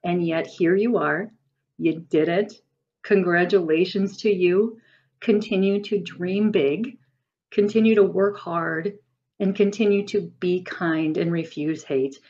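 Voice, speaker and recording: A woman's voice: on the low side, steady tone, a little slow, a little mellow, highs cut off. A woman in her thirties, an adjunct teacher, giving an upbeat, earnest recorded congratulatory message to graduates over a webcam. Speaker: adjunct faculty member.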